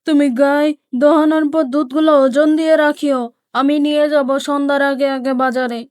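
A woman's voice: high voice, flat delivery, darkish tone, no echo, clean studio sound, close to an everyday voice. A woman doing Mintu, a dutiful young son. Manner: obedient, quick replies. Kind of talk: doll storytelling voice.

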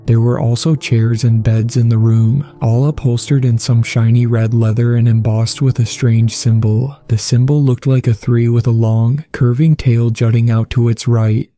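A man reading a first-person horror story in a steady, measured way, as scripted narration. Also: medium pitch. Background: faint music.

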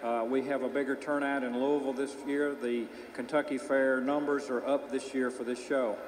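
A middle-aged man giving measured, businesslike remarks as a sponsor's representative being interviewed. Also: medium pitch, level tone. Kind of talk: public thank-you remarks in an interview. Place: large indoor arena. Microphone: handheld microphone held out to him. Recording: echoey arena PA, faint noise.

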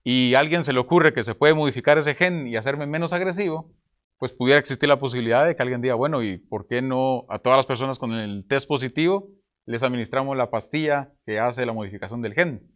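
A man's voice: mid-range voice, brisk, a bit bright. Guatemalan man giving a conference talk. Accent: Guatemalan Spanish. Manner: explanatory, gestures while speaking, rhetorical questions. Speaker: conference speaker. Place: conference room with projector slides. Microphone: table microphone at a panel.

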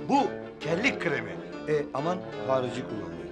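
A man's voice: medium pitch, wildly swooping pitch, brisk, loud music behind the voice. An actor playing a cheeky, teasing young man in a sitcom, playful and mischievous. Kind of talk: sitcom acting.

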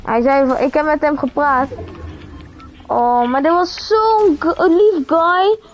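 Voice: high-pitched, fairly even intonation, slow pace, soft background music. A young Dutch gamer playing with friends, exclaiming and repeating words in street slang over game sounds. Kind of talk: excited gaming commentary with friends. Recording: faint background noise, game sounds.

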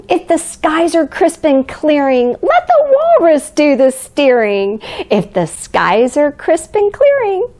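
A woman's voice: sits high, darkish tone, exaggerated voice. A woman playing a cheerful, grandmotherly Mrs. Claus, reading a picture book aloud to young children in an exaggerated, sing-song way. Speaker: children's storyteller. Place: living room by a fireplace, indoors.

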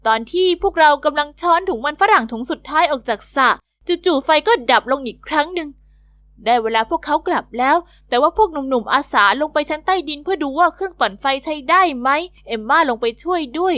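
A woman narrating a first-person animated diary story in a bubbly, expressive teen-girl manner. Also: high-pitched, brisk, dry recording.

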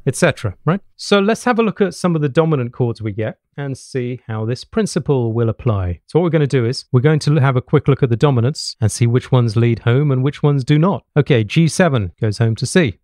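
With a darkish, medium-pitched voice, a middle-aged English jazz piano teacher explains expressively and a little fast, hardly pausing, and uses short tag questions to check understanding between piano demonstrations. He's close to a large boom-arm studio mic in a small home study with bookshelves; piano plays in the background and there's no room sound.

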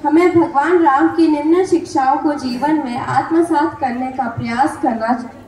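A woman's voice: sits high, darkish tone, slight background noise. A woman giving an earnest, formal moral speech to an audience at a school function. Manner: slow, earnest, formal delivery. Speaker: speaker at a school event. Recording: echoey hall recording.

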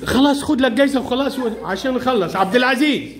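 Guy teaching little kids in class, real high voice, quick and playful, keeps calling kids up by name. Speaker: primary school Arabic teacher. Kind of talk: classroom quiz with young pupils.

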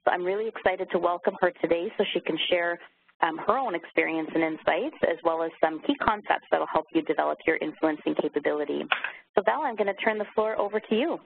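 Woman host opening a webinar, lowish voice, tinny phone sound with a bit of hiss. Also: fast, creaky. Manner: upbeat with many uhs. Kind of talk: scripted webinar introduction. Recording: tinny phone line with faint noise.

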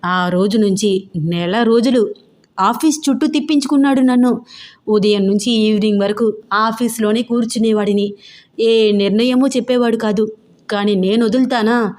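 A woman narrates an audio love story with a slightly high voice. She speaks in the storytelling voice of a father fondly recalling how he met his wife. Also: moderate pace, darkish tone.

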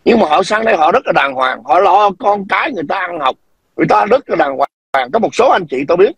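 A man lectures his livestream viewers in a raspy, strained voice that sits high in his range. He scolds in a combative, repetitive way and keeps demanding whether they understand. The recording is dry and close, with no room sound. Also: expressive, fairly quick, a bit bright, dry recording. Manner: frequent throat clearing. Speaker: livestream host. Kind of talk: ranting livestream commentary.

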